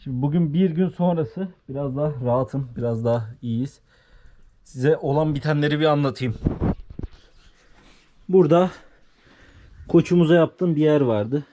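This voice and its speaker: A man vlogging from his farm, talking casually and soothing animals with quiet, repeated hushes. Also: fairly high pitch, normal speed, long pauses. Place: farm in a rural village, outdoors. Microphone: body-worn camera mic.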